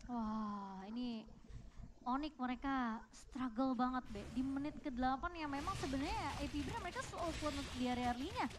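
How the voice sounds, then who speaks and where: Indonesian girl casting a live esports match, really high voice. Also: normal speed, background noise. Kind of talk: live match commentary with partners.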